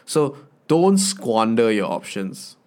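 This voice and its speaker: A man's voice: medium pitch, big pitch swings, slow pace, darkish tone. A young man with a Singaporean accent, chatting and advising in colloquial Singlish, tagging phrases with ah, right and okay. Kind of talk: casual advice chat.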